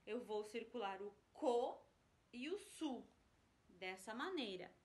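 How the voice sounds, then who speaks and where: A woman's voice: on the high side, animated, slow pace, a little mellow. A woman teacher from Brazil, patiently walking young pupils through a workbook exercise step by step.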